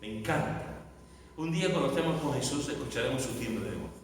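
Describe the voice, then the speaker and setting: Echoing preacher in a hall. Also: male voice, mid-range voice, expressive, fairly quick, a little hiss or hum. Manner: dramatic, repeating phrases, shouting for emphasis. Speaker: pastor. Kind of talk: sermon. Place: large echoey church hall. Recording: echoey hall recorded from far off.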